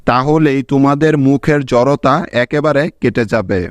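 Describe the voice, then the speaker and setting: A man with a Bangladeshi accent teaching a scripted phonics lesson, listing example words in an even, instructive delivery. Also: mid-range voice, normal speed, no room sound. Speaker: English teacher.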